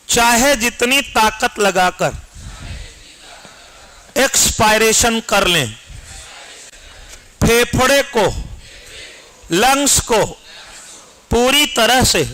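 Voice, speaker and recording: A man's voice: very high voice, bright, forceful tone, slight background noise, poor audio. A man teaching a biology exam-prep class, dictating notes and asking his students questions.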